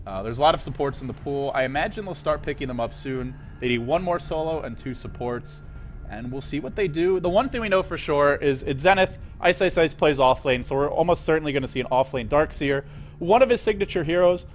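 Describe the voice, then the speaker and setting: Energetic, sleepless male esports caster. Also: a little high, brisk, a little hiss or hum. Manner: energetic, chatty, self-correcting. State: tired after an all-nighter. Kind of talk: live game commentary.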